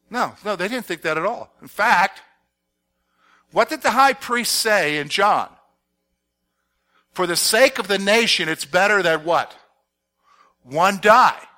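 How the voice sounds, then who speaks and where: A man teaching a Bible passage as a pastor, animated and posing fill-in-the-blank questions to his listeners. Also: a little high. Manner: animated, asks the audience to fill in words. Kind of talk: expository sermon with audience questions.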